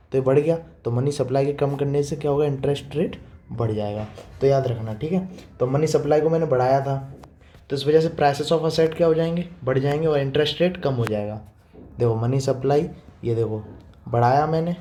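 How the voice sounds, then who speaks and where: Young male teacher, warm low-key tone, brisk informal lecturing that keeps checking students follow. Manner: repetitive, checks understanding with frequent 'theek hai'; quick, informal teaching tone, addresses students as 'beta'. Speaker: economics teacher. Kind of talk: classroom lecture explaining diagrams.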